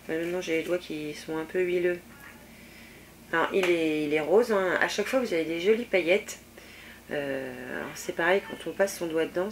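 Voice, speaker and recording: A woman's voice: low-pitched, a little hiss or hum. A woman chatting casually through a makeup haul, with lots of fillers as she swatches products on her hand. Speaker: beauty vlogger.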